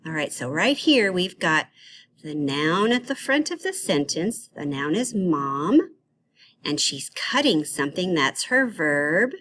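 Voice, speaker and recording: Slow, gentle teacher woman for kids. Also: on the low side, big pitch swings, a little hiss or hum. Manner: slow, encouraging, sing-song questions to young kids. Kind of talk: children's grammar lesson.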